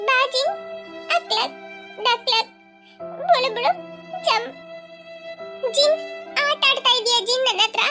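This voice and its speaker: A woman's voice: very high voice, pushed and bright, heavily acted. A woman doing a tender little cartoon kid. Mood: pleading. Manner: pleading, sing-song chanting of spells. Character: small cartoon youngster who lost a magic jinn, earnest and tender-hearted. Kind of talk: cartoon voice acting. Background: children's music.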